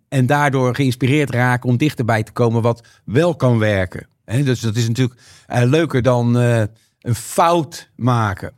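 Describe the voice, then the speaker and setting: A man's voice: mid-range voice, no echo, studio quality. A man from Rotterdam with a Rotterdam Dutch accent and a strained, worn voice, talking animatedly as a podcast guest and acting out quoted voices. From Rotterdam, Netherlands. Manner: animated, frequent tag questions, acts out quoted voices. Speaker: guest speaker. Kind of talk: podcast conversation.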